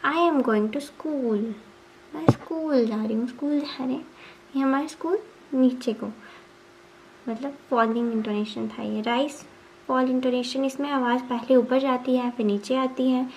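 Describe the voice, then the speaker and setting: High-pitched woman teacher going over exam notes, asks and answers her own questions, faint hiss behind. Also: steady tone, normal speed, a little mellow, rough recording. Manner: mixes English terms into Hindi, often says 'ठीक है'. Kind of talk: exam revision lesson.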